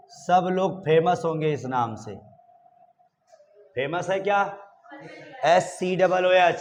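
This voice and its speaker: Male chemistry teacher with a somewhat high voice; quizzes the class as he lectures. Faint hiss in the recording. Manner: coaxing, asks students questions and calls them "beta".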